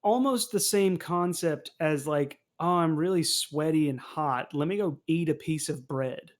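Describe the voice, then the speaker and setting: Animated young man telling stories. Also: a little high, measured pace. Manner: animated storyteller, laughs often. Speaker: podcast co-host. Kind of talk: casual chat.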